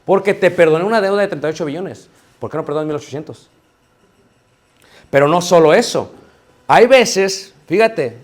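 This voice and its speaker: Guy preaching, kinda high voice, talks to the church like a chat, lots of questions back at them. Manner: conversational preaching with rhetorical questions to the congregation; repeatedly addresses listeners as brothers. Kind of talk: sermon.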